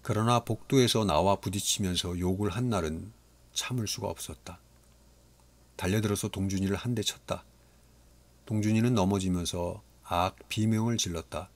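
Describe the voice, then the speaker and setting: A man narrating an audiobook in a steady, measured storytelling voice. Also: low voice, no echo. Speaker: audiobook reader.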